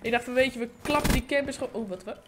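A man from the doing excitable gameplay commentary while he has the hiccups, so his voice keeps cracking. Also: very high-pitched. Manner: excitable, swearing, quick exclamations. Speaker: gaming YouTuber. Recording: game gunfire noise in background.

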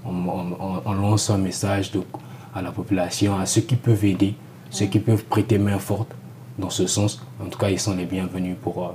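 Speaking into a lapel mic in a small TV studio, a young graduate student and committee volunteer from the Republic of the Congo answers interview questions in a low, dark, even voice. He is measured, often repeating and rephrasing his points, with faint ambience and a little hiss or hum behind him.

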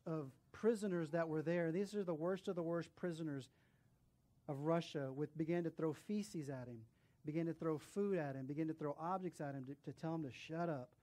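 A male pastor preaching and telling a story, animated, with hushed drops at solemn moments. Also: on the high side, moderate pace. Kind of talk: sermon storytelling.

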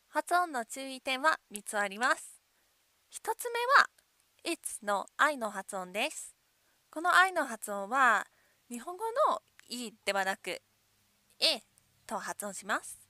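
A woman whose first language is English, from California, patiently explaining English pronunciation in Japanese and demonstrating phrases slowly. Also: on the high side, lively intonation, sharp tone, no echo.

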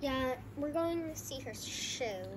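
Casting: chatty female toy-play host, slightly high voice, unhurried, informal, heavily noisy phone recording. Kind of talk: casual improvised pretend play with toy pets. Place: indoors at home, on a carpeted floor. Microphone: handheld phone camera. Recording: very noisy handheld home recording with clicks.

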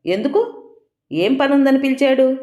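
A woman's voice: high voice, measured pace, dark tone, roomy sound, pitched above the performer's own voice. A woman reading the part of a stern older man who angrily questions his nephew. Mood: accusing. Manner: accusing, interrogating. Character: stern angry older man, protective uncle.

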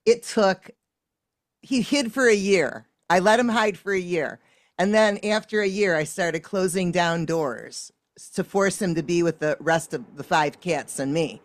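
Woman interview host, lower pitch, dry close sound, chatty and anecdotal. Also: measured pace, dry recording. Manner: chatty, personal anecdotes with fillers. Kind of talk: casual interview conversation.

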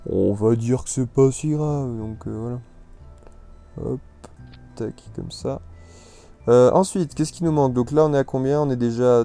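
Rambling French gamer with a mellow voice. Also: male voice, medium pitch, clean tone. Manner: rambling and hesitant, many fillers and restarts. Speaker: gameplay commentator. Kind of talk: casual let's-play commentary. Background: soft background music.

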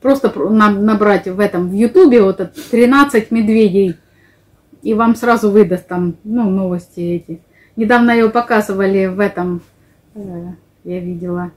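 A woman's voice: medium pitch, moderate pace, darkish tone. A middle-aged woman hosting a vlog, chatting casually with a friend in a jokey, colloquial way. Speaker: vlog host. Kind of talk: casual chat with a close friend. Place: small wood-panelled living room, indoors. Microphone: camera across the table.

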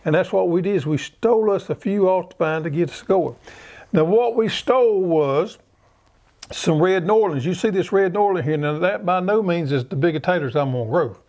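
A man with a Southern American accent, chatting in a slow, folksy way as he explains his garden. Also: sits high, a little mellow. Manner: folksy, drawling, unhurried. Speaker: garden show co-host. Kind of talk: casual how-to chat.

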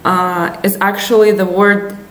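In an echoey little room indoors, a young teacher with a Russian accent talks casually through a lesson on internet memes, laughing and using plenty of fillers. Her mid-range voice is fairly bright but flat and unhurried, with slight background noise.

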